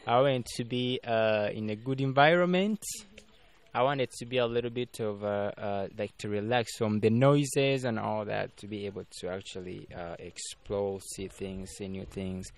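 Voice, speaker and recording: In a lowish voice at normal speed, a young Ugandan filmmaker chats casually as an interview guest. His rambling answers are full of fillers and restarts.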